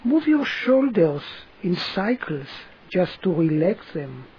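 Guided relaxation narrator, soothing and unhurried, on a dull recording with faint-to-clear background noise. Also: mid-range voice, big pitch swings. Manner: soothing, slow-paced instructions with long pauses.

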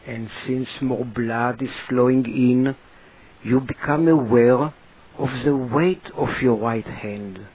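Husky, very slow male relaxation guide. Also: mid-range voice, highs cut off. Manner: slow, deliberate, instructing in short pauses.

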